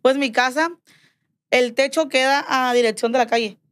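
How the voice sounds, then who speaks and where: Her voice is high-pitched and her pace normal as this Mexican woman tells a personal story on a podcast. The conversation is casual and chatty. Animated throughout, she plays out the dialogue and keeps repeating "me dijo."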